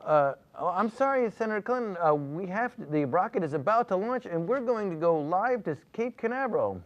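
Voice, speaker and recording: Guy doing a parody news anchor, highish voice that swings around, flustered and halting, bit lo-fi. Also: lively intonation. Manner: halting, stammering, hesitant. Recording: slightly dull, lo-fi audio.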